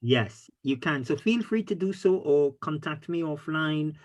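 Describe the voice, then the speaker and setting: A man's voice: on the high side, expressive, measured pace. A middle-aged man chairing an online meeting informally over a video call.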